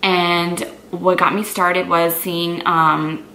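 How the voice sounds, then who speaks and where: A Brazilian woman in her twenties, a native Portuguese speaker, chats easily to camera in a casual Q&A as a lifestyle vlogger, dropping "like" constantly. Her voice is fairly low and flat in pitch, slow, pushed and bright. The room is echoey, with faint background noise.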